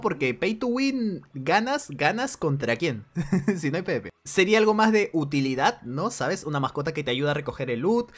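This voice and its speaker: A man giving casual gameplay commentary for a video game guide, thinking aloud as he plays in a chatty, conversational way. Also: a little high.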